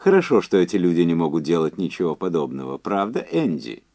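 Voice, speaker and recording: A man's voice: sits low, wildly swooping pitch, fast, mellow, full character voice. A man doing a sardonic, insinuating caller. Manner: bitterly ironic, insinuating. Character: sardonic middle-aged man on a phone call. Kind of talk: audiobook character voice.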